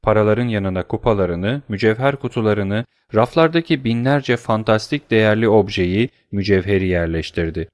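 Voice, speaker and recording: A man narrating an audiobook in a measured, even storytelling voice. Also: fairly low pitch, no echo, clean studio sound. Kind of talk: scripted narration.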